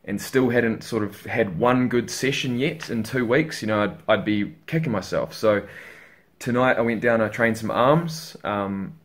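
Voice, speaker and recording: A young man with a somewhat low voice talks casually and tiredly into a webcam at home. He rambles loosely and swears offhandedly, like a regular fitness vlogger catching his viewers up. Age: young adult. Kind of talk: casual vlog chat. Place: bedroom at home, indoors.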